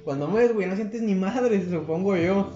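A man's voice: high-pitched, moderate pace. A young man with a Mexican Spanish accent, chatting casually and rambling with lots of slang and swearing. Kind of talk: casual chat. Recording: echoey room, dull lo-fi sound, music behind.

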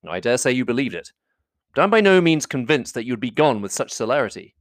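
A reader acts out a reserved, proud gentleman from a classic novel. The delivery is formal, measured and coolly precise, at a middling pitch in a dry recording. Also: very animated, no room sound, close to an everyday voice. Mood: critical. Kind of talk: classic novel audiobook dialogue.

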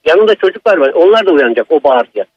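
A man's voice: on the high side, very animated, quick pace, a little mellow, slightly rough, no echo, lo-fi sound. A man calling in to tell a personal horror story, in an agitated, emphatic manner. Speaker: caller.

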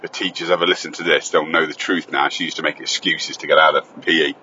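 Chatty dad with a deep voice. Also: male voice, little pitch movement, fast talker, sharp tone, dull audio, slight background noise. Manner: chatty, joking, teasing. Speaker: host and father on the school run. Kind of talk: casual chat while driving. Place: inside a car on the road. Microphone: phone voice recorder.

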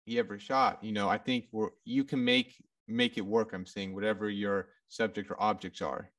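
A man, a photographer, talking in a casual, halting way with lots of fillers. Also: fairly low pitch, steady tone, fairly bright tone, recorded from a distance. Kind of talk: casual podcast chat.

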